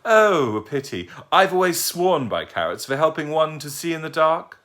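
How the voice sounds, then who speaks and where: A man's voice: big pitch swings, moderate pace, fairly bright tone. A man voicing a fussy, kindly old lady with poor eyesight, who talks in a prim, scolding way. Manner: prim, scolding, high and quavering.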